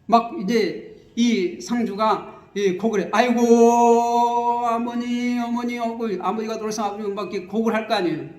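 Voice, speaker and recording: A man preaching a sermon as pastor, explaining scripture with lively repetition and acted-out wailing, recorded in a church. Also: extremely high pitch. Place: church sanctuary. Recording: echoey church hall.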